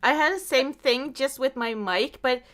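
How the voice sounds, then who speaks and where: A woman with a high-pitched voice talks at a normal speed while casually hosting a podcast. As she recounts stories, she animatedly plays out her own responses.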